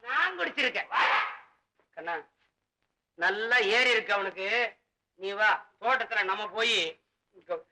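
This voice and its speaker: A boozy servant wails and grumbles through his drink in a film comedy. His voice sits very high and very bright, and the words come out slurred and whining. He drifts into snatches of song between complaints. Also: animated, a little slow, long pauses, a little hiss or hum, heavily acted, poor audio. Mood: wailing. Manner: slurred, wailing drunken comic talk, breaks into song. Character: drunken male estate servant, boozy and whiny.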